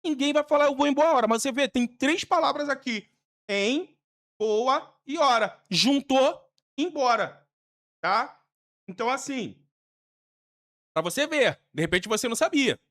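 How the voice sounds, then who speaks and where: Higher-voiced Brazilian woman teaching grammar. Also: animated, unhurried, pauses often, fairly bright tone. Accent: Brazilian Portuguese. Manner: emphatic and repetitive, with casual slang. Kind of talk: exam-prep grammar lesson.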